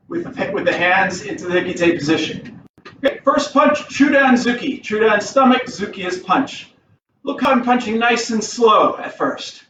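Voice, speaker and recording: A man teaching karate as an instructor, explaining each step in a careful, unhurried way. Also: sits high, fairly bright tone. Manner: calls out counts during drills. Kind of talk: instructional lesson with demonstration. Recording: roomy, distant, dull, faint noise.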